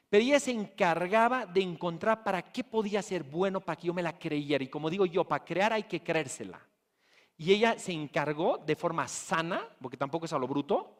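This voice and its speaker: A man from Bolivia giving a motivational keynote talk at a business conference, telling stories and putting rhetorical questions to the audience. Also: sits high. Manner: lively storytelling, addressing the audience with rhetorical questions. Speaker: conference speaker. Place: conference hall.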